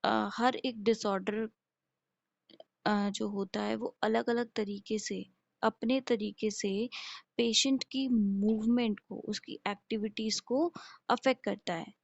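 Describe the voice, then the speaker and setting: A woman's voice: mid-range voice, steady tone, takes it slowly, gravelly, dry recording. A woman nursing lecturer giving a classroom lecture, explaining step by step, posing questions and answering them herself, and checking in with her listeners. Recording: dull lo-fi recording.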